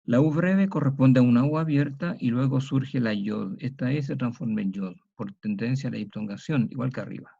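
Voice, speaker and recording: A man teaches in a slow, methodical way, spelling out each sound and example. His voice is dark and gravelly. The recording is dull and lo-fi. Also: mid-range voice. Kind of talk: historical grammar lecture.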